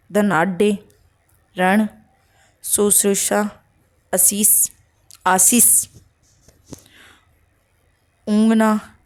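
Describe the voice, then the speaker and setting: A woman teaching spelling for an exam, slowly reading out word lists and checking with short asides. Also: mid-range voice, darkish tone. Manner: slow, listing words one by one with "ठीक है" checks.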